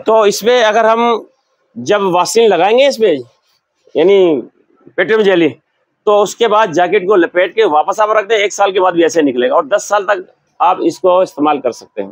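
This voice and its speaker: A man's voice: sits high, no echo. Older man, shop owner, explanatory, lapel mic, dry sound. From Pakistan. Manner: explanatory, shows goods while talking. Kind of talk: sales demonstration. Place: large indoor leather shop.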